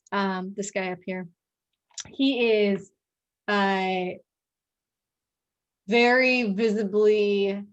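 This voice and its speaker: A woman's voice: medium pitch, highs cut off. Casual woman running a tabletop game. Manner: casual, laughs often, swears. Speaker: game master.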